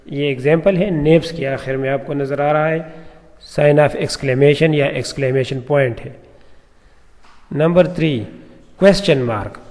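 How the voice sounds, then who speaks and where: A man giving a recorded grammar lesson, explaining step by step with examples and reading English sentences slowly. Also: on the high side, a little mellow. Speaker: teacher. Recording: echoey room with long reverb.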